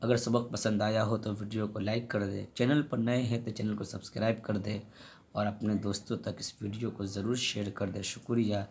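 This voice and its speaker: A man teaching reading in a slow, patient way, sounding out syllables clearly and repeating them for learners. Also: on the low side, level tone, darkish tone. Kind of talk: slow tutorial with drills.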